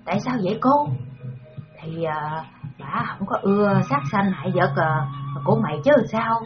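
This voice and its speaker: Brief: woman as a lively, scolding young countrywoman, muffled recording, music underneath. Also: mid-range voice, moderate pace, close to an everyday voice. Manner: bossy, exclaiming.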